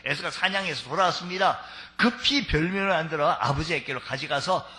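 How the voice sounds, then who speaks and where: A man preaching a sermon who tells the story vividly and acts out the dialogue. His voice sits high and swings widely. The tone is very bright and ringing. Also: fairly quick. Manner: animated storytelling, acting out dialogue; exhorting, builds to shouts. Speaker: pastor.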